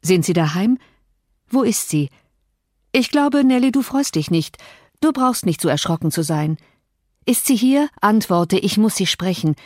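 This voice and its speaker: A woman reading the part of a brooding, dark returning man who gives urgent commands in an audiobook. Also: expressive, unhurried, no room sound, clean studio sound. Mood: impatient. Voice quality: low voice with a foreign lilt. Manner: pressing, commanding.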